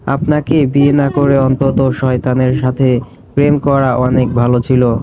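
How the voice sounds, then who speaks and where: A man's voice: medium pitch, little pitch movement, measured pace, noisy background, lightly acted. Man reading as a timid young wife. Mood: plaintive. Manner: hesitant, stammering. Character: young woman, scared but defiant wife.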